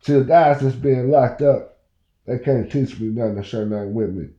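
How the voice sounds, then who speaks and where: This Oklahoma podcast host, a man in his fifties, has a mellow voice of medium pitch and moves at a moderate pace. His casual story wanders, punctuated by "you know where I'm coming from." It's recorded in an echoey room with a muffled quality.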